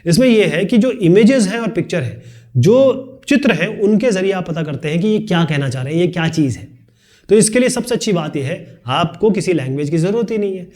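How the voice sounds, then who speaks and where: A man teaching a fast-paced lesson, talking quickly and chattily, explaining with everyday examples and light asides. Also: sits high, animated, darkish tone. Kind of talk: fast-paced Hindi tutorial lecture.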